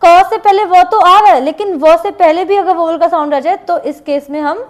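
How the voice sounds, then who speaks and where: A woman teaching shorthand, slowly spelling out letters and repeating each example word twice. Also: very high voice. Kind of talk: classroom lesson with board writing.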